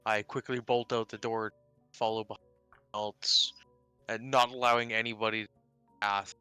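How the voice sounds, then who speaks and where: A man playing a tabletop game, narrating his character's actions in a measured, deliberate way. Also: on the low side, level tone, bright, forceful tone, clear, resonant tone, no echo, soft background music. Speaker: player.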